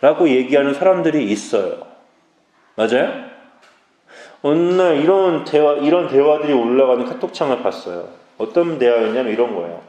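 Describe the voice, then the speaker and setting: A man's voice: mid-range voice, expressive, moderate pace, dark tone. A man in his mid-thirties, a pastor preaching a sermon and asking the congregation questions. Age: mid-30s. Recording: echoey church hall.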